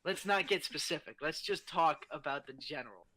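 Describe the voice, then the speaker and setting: A man's voice: on the high side, normal speed, sharp tone. A young adult man talking as a guest in a casual podcast chat, ranting animatedly and swearing a lot.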